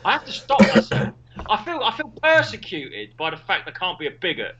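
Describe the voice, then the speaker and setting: A man co-hosting a casual comedy chat over a call, excitable and sweary, with a voice that leaps up and down. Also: high-pitched, a little fast, lo-fi sound, over a noisy crowd. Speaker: podcast co-host. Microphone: remote call.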